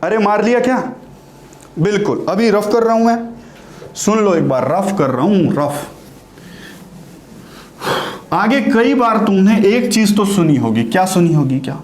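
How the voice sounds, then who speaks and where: High-voiced Hindi teacher in an echoey room. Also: male voice, lively intonation, unhurried, pauses often, darkish tone. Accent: Haryanvi Hindi. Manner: asks and answers his own questions. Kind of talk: classroom lecture.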